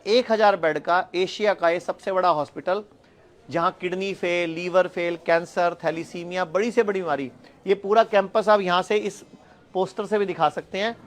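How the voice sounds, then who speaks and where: A man with a notably high-pitched voice explains diet advice in a steady, teaching manner. He often rephrases his points to make them clear as he speaks to the camera. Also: normal speed. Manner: explanatory, repeats points with "yani ki". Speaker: health speaker. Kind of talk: health talk to camera. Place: outdoors on a hospital campus.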